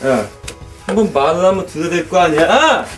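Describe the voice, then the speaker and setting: A man playing an angry drunken father who yells and curses at his child and wife, with music playing behind. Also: high voice, expressive, fairly quick. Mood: angry scolding. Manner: yelling, cursing, contemptuous. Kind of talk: amateur campaign drama.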